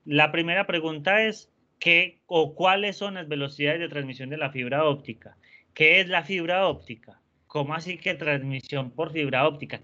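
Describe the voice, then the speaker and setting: A male teacher gives an online lesson in a bright, fairly high voice. He is patient and encouraging and keeps softening his words with diminutives. The sound is dull and lo-fi. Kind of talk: online class lecture.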